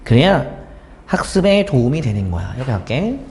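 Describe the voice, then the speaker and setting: A man's voice: medium pitch, big pitch swings, normal speed, darkish tone, echoey room, a little hiss or hum. A man teaching an English exam lesson, asking the students questions and then answering them himself. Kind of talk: exam explanation lecture.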